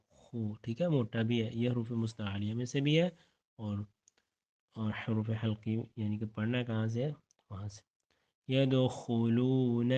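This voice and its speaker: A man teaching Quranic recitation, slowly chanting verses and then quickly explaining pronunciation, often repeating words and checking that students follow. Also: mid-range voice, warm tone. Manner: alternates slow drawn-out recitation with quick explanation.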